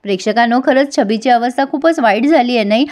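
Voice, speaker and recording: A woman's voice: on the high side, fast talker, a little mellow. A woman retelling a TV serial episode for viewers, speaking to them directly and switching between narration and the characters' lines.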